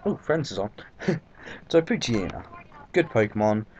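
A man's voice: mid-range voice, big pitch swings, a little slow, darkish tone. A man with a British accent giving rambling, casual gameplay commentary, full of fillers and swearing. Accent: British English. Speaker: let's play commentator. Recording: dull lo-fi mic, faint background noise.

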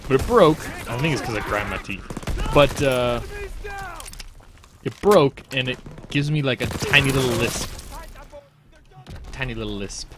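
A man giving casual, jokey commentary while streaming a game, breaking into quick exclamations. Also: medium pitch, animated, noisy background. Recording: game gunfire under the voice. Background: game gunfire and explosions.

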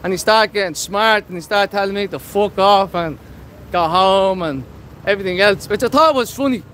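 A man's voice: high-pitched, normal speed, a bit bright, a little hiss or hum. A man from Dublin with a Dublin accent, vlogging live on the street, blunt and confrontational and swearing a lot. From Dublin, Ireland. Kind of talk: live street vlog commentary. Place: outdoors on city streets at a protest.

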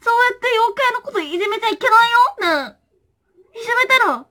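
A woman's voice: very high-pitched, expressive, fast talker, pushed and bright, voice pushed up, exaggerated voice. A woman voicing a weepy, lonely little yokai plush toy in a whiny, sobbing, pleading voice. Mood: tearful whining.

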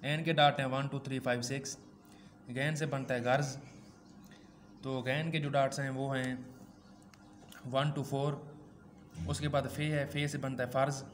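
A man's voice: mid-range voice, a little hiss or hum. A man teaching a braille lesson, patiently repeating each step and reciting dot numbers.

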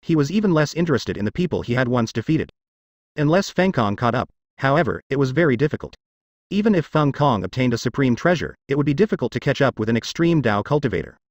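A man narrating a fantasy audiobook in an even, steady reading. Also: medium pitch, fast, no echo, muffled recording.

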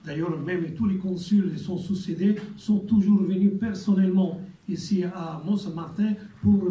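A man with an Italian accent delivers a formal speech at a ceremony, pausing and repeating words as he goes. His voice is dark and slightly high, and it is heard from a distance in an echoey hall with faint noise behind it. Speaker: community representative giving a speech.

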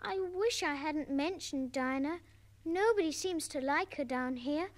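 A woman's voice: high-pitched, unhurried, long reverb tail, background noise. A woman voicing the polite, curious young girl Alice, speaking in a prim, well-spoken, wondering way.

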